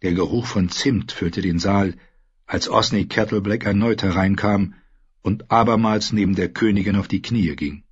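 A man narrating a fantasy audiobook in a scripted, expressive way. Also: lowish voice, normal speed, breathy edge, no room sound. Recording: slightly dull lo-fi audio.

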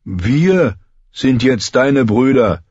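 A man's voice: medium pitch, expressive, very slow, darkish tone, breathy edge, dry recording, pitched above the performer's own voice, exaggerated voice. A man voicing a touchy, blunt young male recruit who insists earnestly, in an audiobook reading. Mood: insisting. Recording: muffled lo-fi, dry.

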